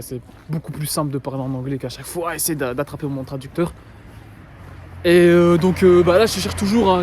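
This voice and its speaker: A young man from Belgium, vlogging on foot through a city at night, tired and frustrated, repeating himself as he talks to his phone. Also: sits high. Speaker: travel vlogger. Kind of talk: casual vlog talk to camera. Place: outdoors in a city street at night. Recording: street noise outdoors.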